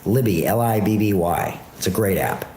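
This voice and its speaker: A man's voice: on the low side, moderate pace, warm tone, a little hiss or hum. A man hosting a casual livestream from a home art studio and kitchen area, talking in a laid-back, rambling way with many fillers, his voice carrying a strong room echo. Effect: echoey room reverb on the voice. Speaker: podcast host and online shop seller. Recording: echoey room with faint background ambience.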